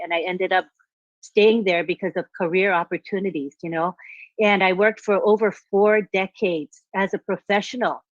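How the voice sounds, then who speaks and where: A woman's voice: mid-range voice, no room sound. Older woman from Hawaii, dry lo-fi sound. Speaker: guest speaker. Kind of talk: personal testimony on a webinar.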